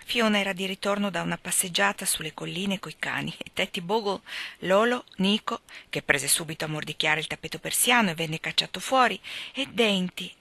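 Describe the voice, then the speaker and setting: A woman's voice: gravelly, no echo. A woman reading a novel aloud, lifting her voice for the characters' lines. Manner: expressive, lifts her pitch for characters' lines. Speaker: reader of a novel.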